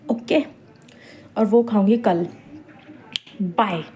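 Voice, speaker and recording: A woman's voice: medium pitch, extremely slow. A young woman chatting casually through her daily vlog at home, in a playful, talkative way. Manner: chatty, loud and playful on camera, hushed while talking to camera at night. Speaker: vlogger. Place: home, indoors. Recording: distant mic with noticeable background noise.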